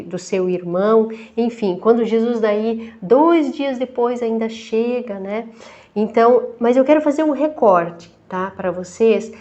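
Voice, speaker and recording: A woman's voice: fairly high pitch, a little mellow, muffled recording. A woman deacon with a Brazilian Portuguese accent, giving a reflective Bible study and reading scripture aloud, often checking in with her listeners. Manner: slow, thoughtful, with frequent "né?" tags.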